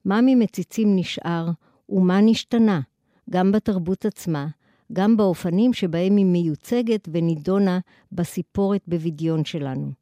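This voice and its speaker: Academic lecturer: woman, Israeli accent, dark soft-edged tone, formal scripted delivery, very dry recording. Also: on the low side, no room sound. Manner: formal, articulate, long measured sentences.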